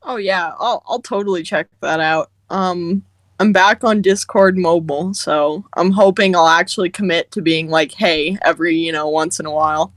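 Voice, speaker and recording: A woman's voice: on the low side, moderate pace, no room sound. A woman chatting casually as a guest, laid-back and slangy. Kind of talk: casual chat.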